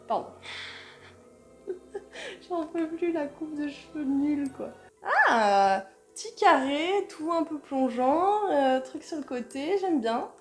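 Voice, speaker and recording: Young woman, gaming vlog, chatty, self-mocking, fairly high voice. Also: animated, unhurried, a little mellow, soft background music. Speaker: gaming YouTuber. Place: home room mid-move.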